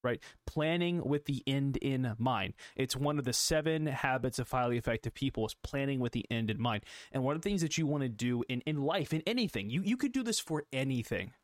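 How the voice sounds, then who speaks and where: A man's voice: mid-range voice, animated, a little fast, hardly any pauses, dry recording, studio quality. A young adult man hosting a solo motivational podcast, coaching listeners, repeating phrases and asking rhetorical questions. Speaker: podcast host.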